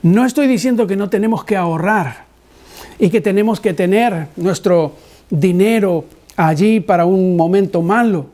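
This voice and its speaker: A man preaching a sermon, a pastor who tells a personal story with lively acted-out dialogue and frequent restarts. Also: high-pitched, moderate pace.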